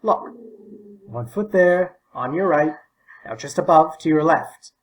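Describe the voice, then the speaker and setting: A man's voice: a little high, lively intonation, unhurried, rough recording. A man voicing a polite but pushy young boy in an audiobook, urgent and overly courteous. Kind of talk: audiobook character voice.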